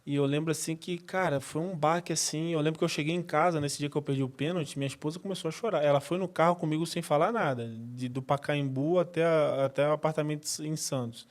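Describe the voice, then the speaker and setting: A man's voice: a little high, quick pace, hardly any pauses. A man from Brazil, a former footballer and podcast guest, giving a personal testimony and acting out remembered conversations with lots of fillers. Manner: animated storyteller who acts out remembered dialogue, with frequent fillers.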